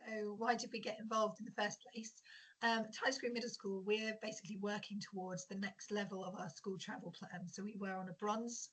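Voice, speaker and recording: A woman, a teacher giving a prepared presentation in a croaky, hoarse voice with frequent ums. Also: medium pitch, low-quality recording. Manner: steady, explanatory, with frequent ums.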